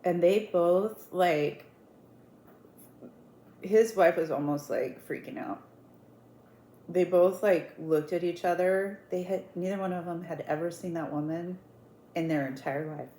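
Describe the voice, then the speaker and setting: Speaking unhurriedly with long pauses, a woman with a lowish, steady, mellow voice shares a casual story in an eat-with-me video. She dramatizes the quoted dialogue, playing out who said what and repeating words for emphasis, against roomy echo and clearly audible background noise.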